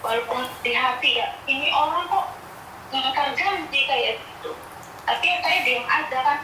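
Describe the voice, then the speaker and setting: A woman phones in to tell her side of an argument with her employer, and she acts out both voices with plenty of feeling. Her voice is high and sits well back from the mic. The line is very echoey and noisy, with a television going behind her. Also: normal speed, recorded from a distance. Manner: animated storytelling, acting out quoted arguments. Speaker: caller, migrant domestic worker. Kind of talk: phone-in complaint, retelling a dispute.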